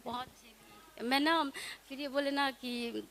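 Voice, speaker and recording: A young woman from Bihar telling her personal story in a halting, hesitant way, full of fillers and restarts. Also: high-pitched, steady tone, fairly bright tone. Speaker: devotee sharing testimony. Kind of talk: emotional personal testimony.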